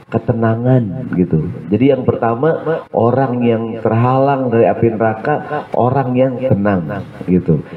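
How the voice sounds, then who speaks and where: Jokey preacher, tinny phone-like sound. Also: male voice, medium pitch. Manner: jokey, asks the crowd "ya nggak?", chants Arabic verses. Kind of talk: humorous Islamic sermon. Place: home gathering after evening prayer.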